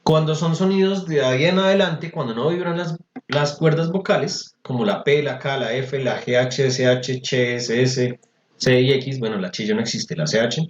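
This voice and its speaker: A man's voice: mid-range voice, moderate pace, a little hiss or hum. A man teaches pronunciation over a video call, patient and chatty. He repeats words to drill them. His sound is roomy and slightly dull. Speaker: English teacher. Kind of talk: online class explaining pronunciation. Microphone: computer mic on a video call.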